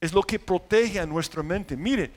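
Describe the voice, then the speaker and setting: A man preaching a sermon as pastor, telling stories and swinging between loud emphasis and quiet asides. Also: sits high, unhurried.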